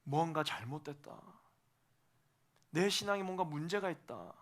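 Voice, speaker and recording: Bright, high-voiced male pastor preaching. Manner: emphatic, repeats phrases for stress, swings between soft and loud. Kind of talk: sermon to a young adults' congregation.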